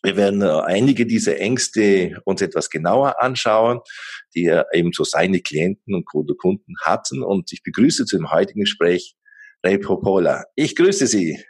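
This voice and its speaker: A man's voice: low voice, animated, moderate pace, husky. A middle-aged man hosting an interview podcast, talking hesitantly with many fillers and restarts. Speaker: podcast host.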